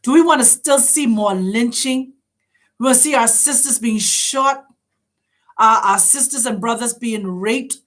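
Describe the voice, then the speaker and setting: Speaking a little slowly, this female host has a fairly high-pitched voice. Her spiritual talk is impassioned, and she keeps putting rhetorical questions and pressing appeals to those listening.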